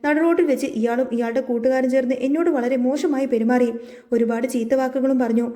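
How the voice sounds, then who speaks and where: A woman's voice: high voice, fairly even intonation, fast, mellow, lightly acted. A woman reading as a firm, wronged young wife. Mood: resolute. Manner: firm and resolute.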